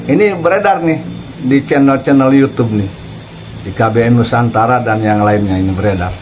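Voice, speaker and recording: A man of ordinary pitch talks through a casual commentary in a needling, challenging way, laughing under his breath between jabs. A faint background hum sits behind his voice. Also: rough recording. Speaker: religious commentator.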